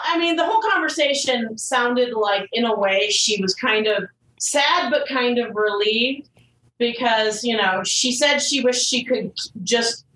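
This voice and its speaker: A woman co-hosting a podcast, chatting casually with quick, blunt jokes. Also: a little high, a bit bright, slight background noise. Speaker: podcast co-host. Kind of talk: casual chat. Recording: roomy and distant from the mic, faint music.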